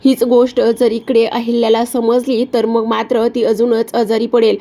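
A worried older father, indignant and complaining, as a woman storyteller reads his lines. The voice stays a little high. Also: flat delivery, normal speed, dark tone.

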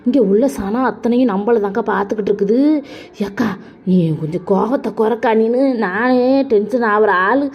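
A woman voicing a younger sister in a cartoon who pleads for calm. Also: on the high side, normal speed, breathy edge. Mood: pleading. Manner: pleading, soothing. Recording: dull lo-fi with faint noise.

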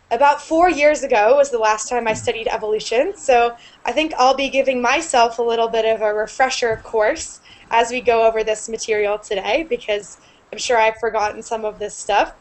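A young woman teaching an online English class over a video call with earbuds, explaining clearly and upbeat. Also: a little high. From United States. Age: young adult. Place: small room indoors. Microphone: earbud headset on a video call.

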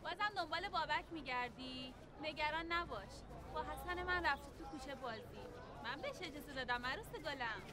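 An actress playing a calm, reassuring older mother-in-law in a TV drama. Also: high-pitched, a crowd in the background, lightly acted. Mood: soothing.

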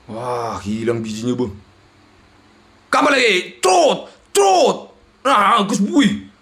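A young man, giving loud, excited commentary on a slot game as he plays, swinging between yells and mutters. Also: mid-range voice, takes it slowly. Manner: loud, shouting and exclaiming, jumpy swings between yelling and muttering.

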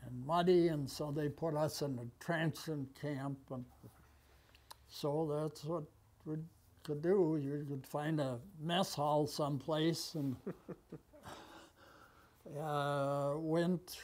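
An American man in his nineties with an aged voice, recounting memories conversationally and haltingly, with long pauses. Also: fairly high pitch, a little mellow. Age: 90s. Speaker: war veteran being interviewed. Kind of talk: conversational reminiscence. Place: small office, indoors. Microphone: lapel mic.

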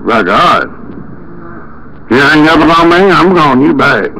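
Slightly high and a little slow, this man's voice carries a prank call in which he grumbles in a folksy, meandering way, repeating himself and exclaiming often. Steady background noise fills the noisy phone recording.

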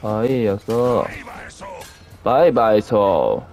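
A man giving casual, excitable commentary on a horror game he is playing, reacting loudly, joking to himself and mouthing silly sound effects. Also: lowish voice, takes it slowly, soft background music. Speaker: let's play commentator.

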